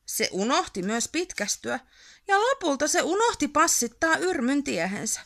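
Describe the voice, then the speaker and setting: Expressive woman reading a bedtime story. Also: high-pitched, creaky. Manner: expressive, playful reading aloud.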